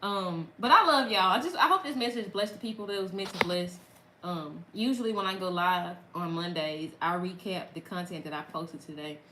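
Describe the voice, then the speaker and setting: A bright-voiced woman in her thirties with a Southern accent, talking straight to her viewers in a loose, chatty way and laughing often. Her voice rings a little in an echoey room, with a faint hiss underneath. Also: fairly low pitch, fairly quick. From Mississippi. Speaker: content creator. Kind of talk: casual livestream chat.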